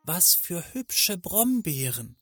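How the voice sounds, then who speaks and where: A man voicing an excitable little girl in a fairy tale, speaking in a high, bright childlike voice. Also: takes it slowly, heavily acted. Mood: delighted.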